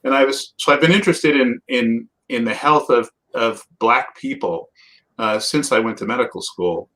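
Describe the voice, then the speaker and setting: A man's voice: mid-range voice, normal speed, a bit bright, rough recording. A middle-aged man from Canada, answering as a guest expert in a thoughtful, conversational way with frequent restarts.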